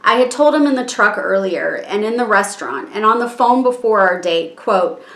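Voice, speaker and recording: A woman's voice: mid-range voice, animated, fairly bright tone. Woman reading aloud, echoey room. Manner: measured, halting reading with pauses. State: strained, struggling to keep composure. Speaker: person reading her own statement. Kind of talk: reading a written statement aloud.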